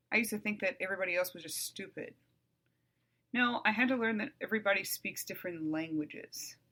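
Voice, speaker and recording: This is a woman in her forties from the United States, talking alone into the mic on her podcast. Her voice is bright and forward. She speaks bluntly, swears without a second thought, and repeats herself to drive a point home. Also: lowish voice. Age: 40s. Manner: blunt, swears freely, repeats phrases for emphasis. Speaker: podcast host. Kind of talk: casual solo podcast monologue.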